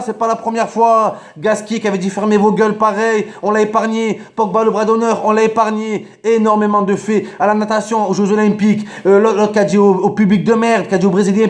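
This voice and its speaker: Animated high-pitched French man ranting. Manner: animated, mocking, repeated grandmother jokes. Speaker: vlogger. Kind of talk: rant to camera.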